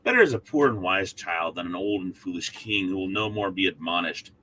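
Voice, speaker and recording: A man teaching the Bible in a short devotional, speaking in a folksy, emphatic manner with pauses between short phrases. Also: low-pitched, lively intonation, bright, forceful tone, slight background noise, rough recording.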